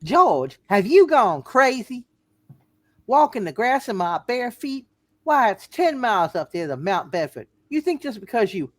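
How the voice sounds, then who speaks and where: Woman as Violet Bick, animated small-town flirt. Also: a little high, a little slow, no echo. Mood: indignant. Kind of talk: hammed-up live radio play reading.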